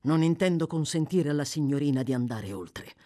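A woman voicing a formal, measured older gentleman in a story reading. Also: deep voice, animated. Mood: grave.

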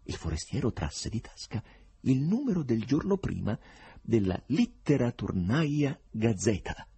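A man reading a novel aloud as an audiobook narrator, expressive and measured. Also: medium pitch, husky. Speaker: audiobook reader.

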